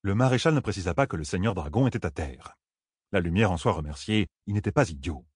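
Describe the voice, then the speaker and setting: Deep-voiced man narrating an audiobook. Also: lively intonation, fast, breathy edge, dry recording, studio quality.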